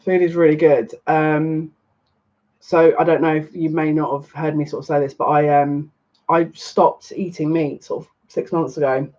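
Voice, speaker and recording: Excitable man in his thirties, lo-fi. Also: on the high side, normal speed. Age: 30s. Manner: excitable, rambling and chatty. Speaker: psychic reader. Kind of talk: casual live-stream chat. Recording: dull lo-fi stream audio.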